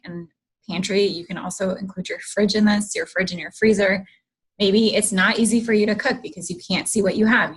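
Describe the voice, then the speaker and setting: Clearing her throat as her voice gives out, a woman chats casually on her livestream and greets the viewers. Her medium-pitched voice has a slightly rough edge, and the audio is low quality.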